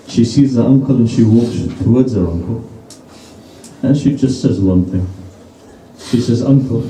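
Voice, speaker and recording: Male preacher, emotive storyteller, very mellow tone, roomy distant pickup. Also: medium pitch, a little hiss or hum. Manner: emotive, dramatic retelling in short lines. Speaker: majlis preacher. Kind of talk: sermon storytelling. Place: gathering in a private home. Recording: roomy sound from a distant mic.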